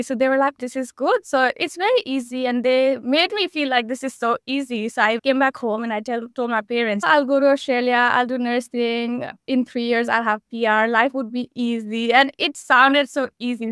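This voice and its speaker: A young woman from Nepal speaks in an earnest, encouraging way, now and then in quick bursts. Her voice sits a little high and sounds smooth and clean. The sound is dry and close. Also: a bit bright, no room sound. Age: 20s. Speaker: guest. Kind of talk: conversational interview answers.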